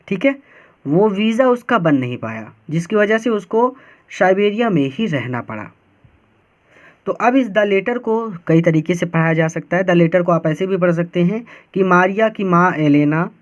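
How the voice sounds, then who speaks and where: A man's voice: high voice, dull audio. A man teaching a class lesson, explaining line by line, breaking each sentence into single words and often checking that students follow. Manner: slow, word-by-word explaining with frequent checks.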